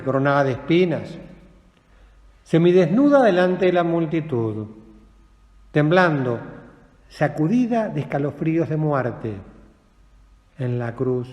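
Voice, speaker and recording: A man, a priest, giving a slow, solemn meditative sermon with long pauses and endings that fall soft. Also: on the high side. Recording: echoey, long reverb of a large room.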